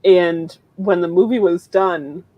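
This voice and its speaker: Laughing frequently, a female co-host of a live writing stream shares casual stories. She speaks slowly in a lowish voice, and the recording has its highs cut off, with heavy background noise.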